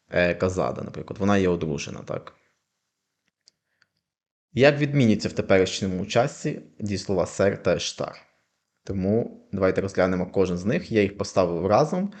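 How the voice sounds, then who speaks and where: Male language teacher with a lowish voice; patient explainer who repeats examples slowly. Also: vocal fry, darkish tone. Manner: repeats phrases slowly, checks understanding with tag questions. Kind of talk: explanatory lesson.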